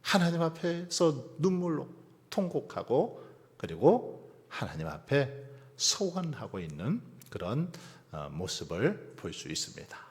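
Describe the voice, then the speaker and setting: A man's voice: on the high side, very animated, measured pace. A man preaching a sermon as pastor, asking the congregation rhetorical questions and letting phrases trail into near-whispers. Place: church sanctuary. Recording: long church hall reverb.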